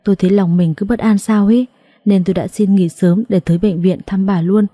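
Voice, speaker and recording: A woman narrating a dramatic first-person family story in a brisk, vivid way. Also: medium pitch, fairly even intonation, warm tone, no echo, clean studio sound.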